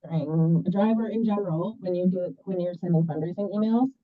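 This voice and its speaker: A woman's voice: on the low side, fairly quick. A woman moderating a video call, chatty with many fillers, her mic muffled so she sounds inside a fishbowl. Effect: muffled mic, like talking inside a fishbowl. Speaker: meeting moderator. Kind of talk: casual video-call discussion. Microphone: laptop or headset on a video call.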